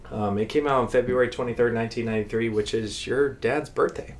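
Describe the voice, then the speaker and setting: A man's voice: mid-range voice, steady tone, fast talker. A man co-hosting a podcast in casual chat, rambling with lots of fillers and restarts. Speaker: podcast co-host.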